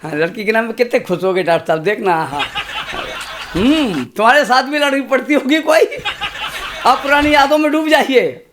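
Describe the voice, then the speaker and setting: A man's voice: very high voice, moderate pace, noisy background. A man in his sixties, a comic poet reciting humorous verse on stage, repeating lines and making chatty asides to the audience.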